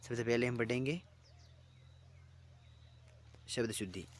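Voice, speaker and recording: A man teaching an online exam-prep lesson, reading out word lists slowly and repeating phrases as he explains. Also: medium pitch.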